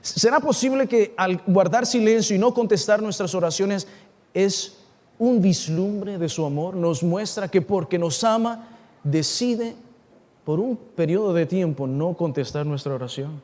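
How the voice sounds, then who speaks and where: High-voiced preacher in a reverberant hall. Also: male voice, unhurried. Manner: animated storytelling, acting out dialogue and addressing listeners directly. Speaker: pastor. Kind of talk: sermon.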